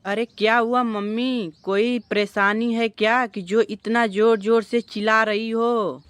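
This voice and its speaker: A woman's voice: on the high side, fairly even intonation, unhurried, natural voice. A woman voicing a young adult son caught between his wife and mother in a homemade comedy skit, stern and questioning. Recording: noisy home recording.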